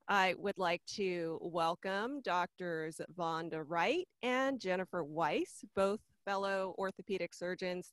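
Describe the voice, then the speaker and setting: A woman's voice: lowish voice, no room sound. A woman hosting a podcast, introducing guests with upbeat enthusiasm. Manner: upbeat introductions, short reactions. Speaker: podcast host. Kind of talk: podcast interview.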